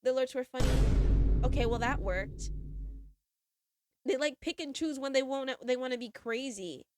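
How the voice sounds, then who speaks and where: A young woman streamer with a high voice talks at normal speed, her nose stuffy from a cold. She's bubbly and giggly as she chats casually and reads a visual novel's story aloud.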